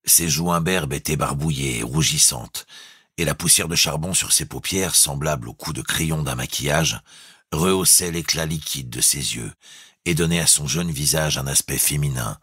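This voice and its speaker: A man reading a classic novel aloud as an audiobook, in a measured, expressive storytelling manner. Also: extremely low pitch, husky, no echo, studio quality. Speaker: audiobook reader. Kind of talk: literary audiobook narration.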